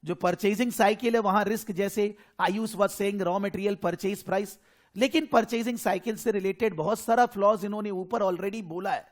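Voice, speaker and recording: Man, Indian accent, high voice, teaching an accounting lesson, Hindi-English mix. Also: normal speed. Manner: explanatory, mixes Hindi and English. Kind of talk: online class lecture.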